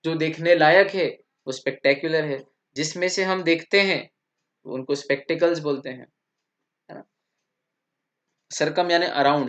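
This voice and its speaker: A man with an Indian accent giving an English vocabulary lecture, explaining step by step and checking in with his students. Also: on the high side. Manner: explains step by step, asks "theek?" often. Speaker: English teacher. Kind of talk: classroom lecture. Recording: dull lo-fi recording.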